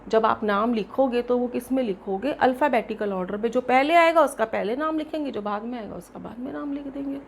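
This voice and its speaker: Lively woman teaching a chemistry lesson. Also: a little high, a little fast, gravelly, hardly any pauses, a little hiss or hum. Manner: asks questions and answers them herself; explains step by step with lively emphasis. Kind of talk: classroom lecture.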